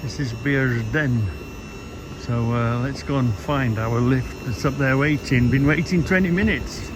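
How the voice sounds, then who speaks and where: A man's voice: medium pitch, unhurried. Rambling man vlogging amid station noise. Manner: rambling, musing to himself. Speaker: travel vlogger. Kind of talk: casual travel vlog chat, thinking aloud. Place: train stations, platforms and aboard trains. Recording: noisy handheld recording amid station and train noise.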